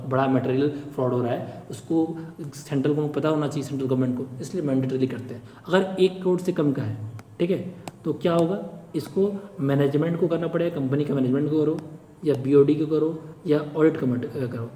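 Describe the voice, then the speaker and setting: A man's voice: on the high side, dark tone. A man tutoring for a government exam, explaining step by step with frequent checks and everyday examples. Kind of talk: informal screen-share lecture. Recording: echoey room with long reverb.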